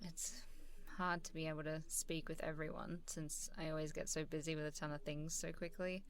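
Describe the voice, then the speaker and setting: This is a woman's low-pitched, everyday-sounding voice, delivered flatly at normal speed. She acts as a warm, supportive boss giving a glowing review in a soft, one-sided ASMR role-play, encouraging and casual, with hesitant chuckles between phrases.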